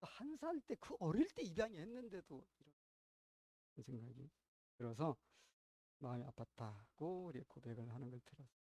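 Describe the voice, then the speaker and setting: High-voiced Korean pastor telling a story. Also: male voice, dry recording. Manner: animated storytelling with sharp swings in loudness; addresses the congregation with questions. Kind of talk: sermon.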